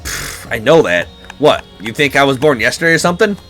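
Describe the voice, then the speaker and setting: A man reading the lines of a brash, gruff young male student from a game, with teasing remarks. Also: medium pitch, sing-song, fairly quick, fairly bright tone, soft background music.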